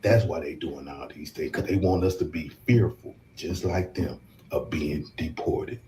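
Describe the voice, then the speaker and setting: A man on a podcast panel speaking emphatically, slowing down to drive his points home. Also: rumbling low, steady tone, dark tone, slight background noise.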